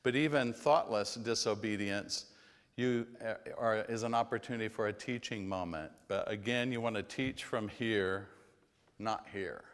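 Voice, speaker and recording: Low-voiced male parenting class leader, folksy and down to earth, recorded in a reverberant church hall. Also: moderate pace. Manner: folksy, acts out yelling parents.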